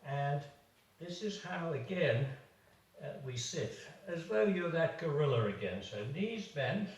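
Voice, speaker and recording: A man, a doctor, slowly coaching home exercises while demonstrating them, a little out of breath. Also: on the high side. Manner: slow, encouraging, demonstrating while talking. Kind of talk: instructional exercise video. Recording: echoey room, far from the mic.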